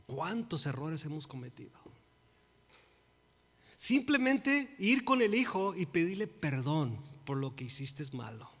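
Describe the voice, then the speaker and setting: A man in his forties preaching a sermon, swinging from loud emphasis to hushed pleas and dropping English phrases into his Spanish. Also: a little high, big pitch swings, unhurried, long reverb tail. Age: 40s. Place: church sanctuary.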